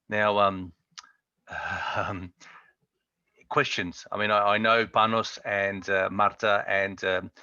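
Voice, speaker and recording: A man's voice: lowish voice, gravelly, pushed and bright, no echo. A man hosting a video call Q&A in a jovial, rambling way full of ums and uhs. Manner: rambling, filler-heavy, jovial. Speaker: session host. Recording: dull lo-fi call audio.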